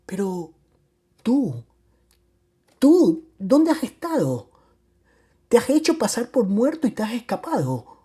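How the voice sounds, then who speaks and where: A shrieking, accusing old widow, full of fury at her son-in-law, as a male narrator puts her on. Her voice jumps high and sharp above the storyteller's usual tone. It stays husky and rough throughout. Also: huge pitch swings, slow pace, pauses often, exaggerated voice. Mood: furious. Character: shrill furious older widow, mother-in-law.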